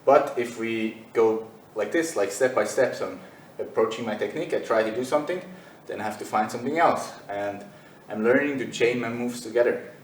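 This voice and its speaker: A man's voice: medium pitch, a little fast, roomy sound, recorded from a distance, a little hiss or hum, poor audio. A man teaching jiu-jitsu in a loose, conversational way while demonstrating on the mat. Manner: loose and conversational, many fillers. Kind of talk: casual instructional demo.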